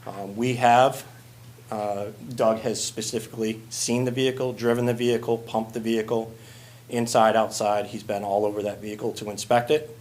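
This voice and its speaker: Low-voiced fire chief addressing council. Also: male voice, flat delivery, darkish tone. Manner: plain, halting with many "uh" fillers. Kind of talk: formal council presentation.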